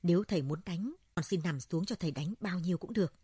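A woman's voice: fairly low pitch, fast talker, dark tone, breathy edge, no room sound, clean studio sound. A woman voicing a wild young son who screams and pleads in terror, in a told folk story. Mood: humble. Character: young man, wild unruly son, terrified.

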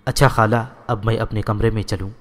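A man voicing a gentle young woman in a storybook reading, calmly and in his own voice. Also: on the low side, long reverb tail, lightly acted.

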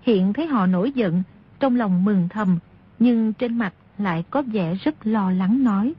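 A woman narrating a martial-arts novel in a steady storytelling voice. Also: mid-range voice, unhurried, husky. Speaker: audiobook narrator. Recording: dull lo-fi audio.

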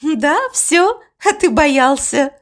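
A woman reading an audiobook voices Death as a young female trainee, brisk, bossy and matter-of-fact. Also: sits high, lively intonation, pitched above the performer's own voice.

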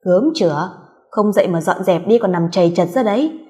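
A woman voicing a sharp-tongued, middle-aged mother-in-law who grumbles and scolds. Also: mid-range voice, fairly quick, close to an everyday voice. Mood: scolding. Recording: long hall reverb.

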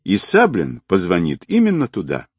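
Man voicing a calm colonel, low voice, even and controlled, dry sound. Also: moderate pace, husky, no echo, full character voice. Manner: calm, controlled, quietly commanding. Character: calm, authoritative male colonel.

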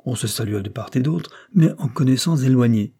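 A male narrator voicing a deliberate, guarded male country lawyer who asks pointed questions. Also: medium pitch, lively intonation, dark tone. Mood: probing. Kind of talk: audiobook character voice.

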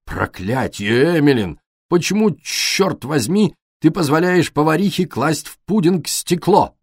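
A man voicing a gruff, hot-tempered old colonel in an audiobook, roaring and grumbling. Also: on the low side, big pitch swings, normal speed, dry recording, studio quality. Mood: furious.

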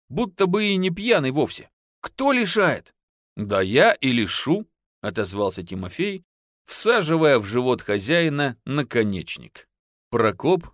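A man giving dramatic, expressive scripted narration of a story on a close mic. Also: mid-range voice, no echo. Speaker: audiobook narrator.

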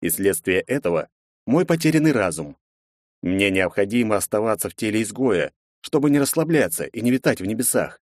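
Male audiobook narrator, low voice, measured first-person reading, dry close sound. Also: very animated, darkish tone, no echo.

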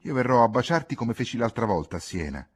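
A man reading the part of a cunning, evasive young woman in a soft, low, wheedling voice. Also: very animated, quick pace. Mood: coaxing.

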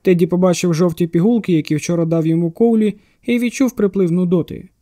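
A male audiobook narrator with a fairly high voice, telling a tense story. His reading is steady and measured, carrying the scene forward without hurry. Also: no echo.

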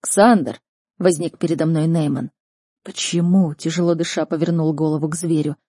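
A woman reading a first-person fantasy story aloud in an expressive, dramatic audiobook style. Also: deep voice, fast, dry recording, clean studio sound. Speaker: narrator.

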